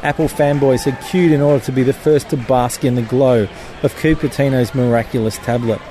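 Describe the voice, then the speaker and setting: A man reads his own satirical column aloud in a wry, mock-biblical, mock-solemn manner. His mid-range voice is steady and dark in tone, running a little fast. Music plays beneath him, with slight background noise.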